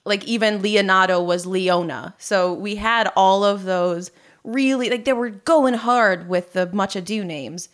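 A woman's voice: medium pitch, unhurried. Chatty woman podcaster musing aloud. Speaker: podcast co-host. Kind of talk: casual chat.

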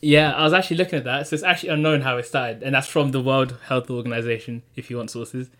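A man's voice: mid-range voice, fairly even intonation, quick pace, fairly bright tone. A young man, chatting casually as a podcast panellist. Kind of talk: casual chat.

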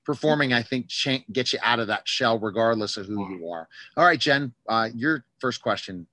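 A man hosts a conversational radio interview. His pitch is average, with a bright, forceful tone. The sound is dry and close, without room echo. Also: lively intonation, normal speed. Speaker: radio show host.

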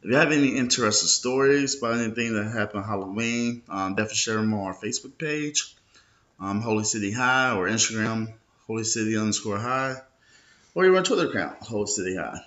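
A young man hosting a local social media show rambles in a casual vlog style, hungover, sluggish and loose, with plenty of slang. His voice is on the low side and a bit bright, fast with lively intonation. The recording has a dull lo-fi sound.

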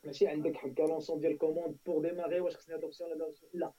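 On a tech panel, another Moroccan-accented man talks casually and emphatically about technology, repeating himself and switching into French. His voice is a little high, level and mellow as he races along, captured by a distant mic in a muffled recording.

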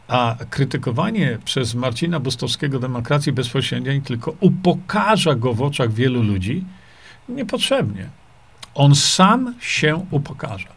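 A man's voice: medium pitch, very animated, unhurried, creaky, breathy edge. A middle-aged man hosting a livestream, reading viewer comments aloud and answering them in a rambling, dismissive way, with many fillers and repeated rhetorical questions. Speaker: livestream host.

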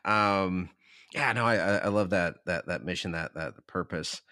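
A man's voice: sits low, moderate pace, sharp tone, no echo, clean studio sound. A man hosting a podcast interview, thoughtful and a little hesitant, often repeating words as he asks questions. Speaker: podcast host. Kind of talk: casual interview.

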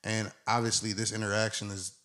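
A man in his twenties, a podcast co-host, telling a long story in a casual, animated way and acting out the people in it. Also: on the low side, a little fast.

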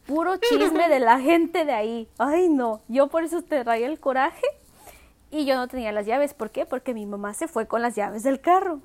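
A woman's voice: sits high, normal speed. A woman co-hosting a casual podcast, telling an embarrassing story with lots of acted-out quotes and laughter. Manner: animated, acts out quoted voices, laughs often. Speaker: podcast co-host.

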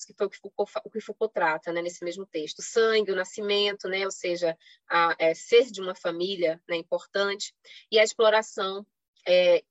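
This academic panelist is a woman with a Brazilian Portuguese accent presenting a semi-improvised slide lecture online via live stream. Her voice sits mid-range and a bit bright, and the recording is dry, carrying the slightly dull lo-fi quality of an online call. She frequently asks rhetorical questions and adds short check-in tags while explaining.

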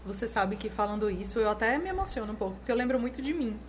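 A woman's voice: a little high, expressive, very fast, a little hiss or hum. A woman from Brazil, hosting an interview and chatting while she reminisces. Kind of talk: conversational interview.

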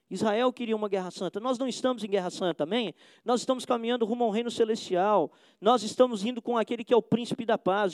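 Impassioned high-voiced Brazilian pastor. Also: male voice, dry recording. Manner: impassioned, slangy, repeats "cara" often. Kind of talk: sermon.

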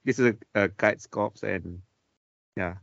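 A man co-hosting a casual podcast, talking in halting bursts, repeating himself and laughing often. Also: fairly low pitch, vocal fry, dry recording. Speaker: podcast co-host. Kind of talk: casual chat. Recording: dry, dull lo-fi sound.

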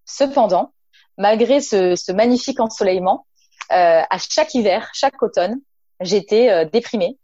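A warm, mid-range voice at a moderate pace belongs to a naturopath and entrepreneur from Nice, south of France, who chats informally in an interview. She hesitates a lot, leans on fillers and addresses the listener casually. The audio is dry and dull.

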